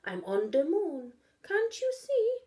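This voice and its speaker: A woman's voice: extremely high pitch, huge pitch swings, takes it slowly, warm tone, pitched above the performer's own voice, heavily acted. A woman voicing a playful little boy who is always too busy pretending, in an emphatic sing-song way. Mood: cheeky.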